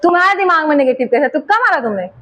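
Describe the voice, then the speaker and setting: Woman teacher, very high voice, eastern Uttar Pradesh Hindi accent, teasing, coaxing questions, classroom lesson. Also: very animated, very fast, fairly bright tone, poor audio.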